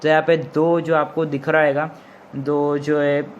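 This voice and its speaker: A male English teacher explaining a textbook lesson line by line, rephrasing often and reading the English passages slowly. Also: fairly high pitch, little pitch movement, lo-fi sound, a little hiss or hum. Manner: reads English lines slowly and deliberately.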